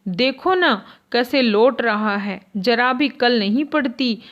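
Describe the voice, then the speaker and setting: A woman's voice: fairly high pitch, expressive, slow pace, a bit bright. A woman reading as a doting, anxious mother. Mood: coaxing. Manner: coaxing, tender. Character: doting anxious mother soothing her sick son. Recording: dull lo-fi recording.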